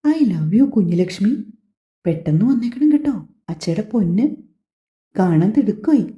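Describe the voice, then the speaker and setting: A woman's voice: mid-range voice, lively intonation, normal speed, dark tone, natural voice. A woman voicing a loving young husband who teases his wife and talks tenderly to their unborn baby, in an audio story. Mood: doting. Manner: tender, teasing. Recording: echoey, slightly dull home recording.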